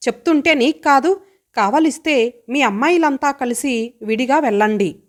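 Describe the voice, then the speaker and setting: A woman's voice: high voice, moderate pace, lightly acted. Woman narrator as strict worried older brother, curt and forbidding. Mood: stern. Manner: stern, forbidding, short commands. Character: anxious protective older brother, young man.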